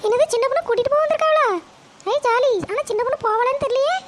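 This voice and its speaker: A chatty young daughter-in-law in a cartoon, voiced by a woman. Her voice sits very high and squeaky above the performer's own. She sounds a little distant, with a faint hiss behind her. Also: fast. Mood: shrill chatter.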